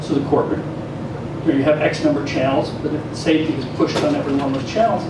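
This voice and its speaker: A middle-aged audience member making an assertive, argumentative comment into a handheld mic. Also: male voice, fairly high pitch, steady tone, fast. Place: small cafe gallery with audience. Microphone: handheld mic, far camera. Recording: echoey room from far off, noisy.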